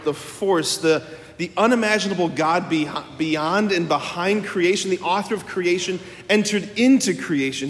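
A man preaches a conversational sermon in a large church, informal, repeating phrases and checking in with his listeners. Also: a little high. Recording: long church reverb.

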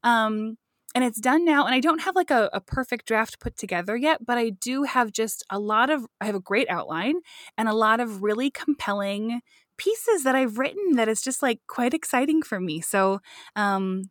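A woman co-hosting a podcast in casual chat, talking from inside a clothes closet into a laptop, chatty and quick to giggle with trailing fillers. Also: fairly high pitch, lively intonation, no room sound, clean studio sound. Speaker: podcast co-host. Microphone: laptop recording.

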